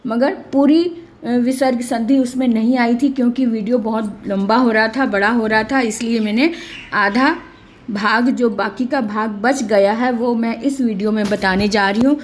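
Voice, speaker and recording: A woman with a fairly high, fairly even voice teaches a classroom-style grammar lesson, with a little hiss or hum on the recording. She explains patiently, checks understanding with tag questions, and reads examples slowly and clearly.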